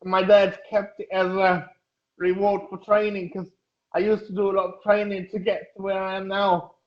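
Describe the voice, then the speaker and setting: In a casual interview, a German man in his thirties speaks haltingly as the guest, full of fillers and restarts. His voice is high and flat, barely rising or falling, and the echoey, dull sound suggests a lo-fi room recording.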